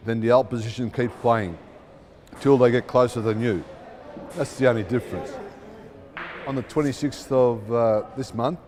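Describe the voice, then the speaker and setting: A man speaks informally, explaining things as a club representative would to a visitor. His voice sits at a medium pitch. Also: darkish tone, slight background noise.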